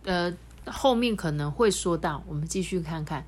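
Animated mother reading a picture book. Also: on the low side, moderate pace, breathy edge. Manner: animated, explains things to children. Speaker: mother reading to her child.

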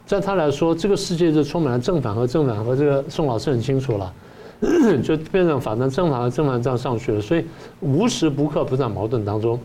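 An older man speaks quickly as a professor guest on a political talk show. His voice is dark and mellow, and he argues by playing out each side's lines himself. He keeps an animated, rapid rhythm throughout. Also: medium pitch, slight background noise. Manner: animated, acts out both sides in the first person.

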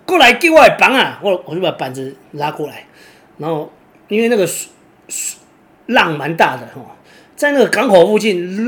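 A man with a Taiwanese Mandarin accent telling a personal story casually, rambling and filling pauses with drawn-out "oh"s. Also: on the high side. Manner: rambling, fills pauses with drawn-out "oh"s, restarts words. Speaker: kitesurfer vlogger.

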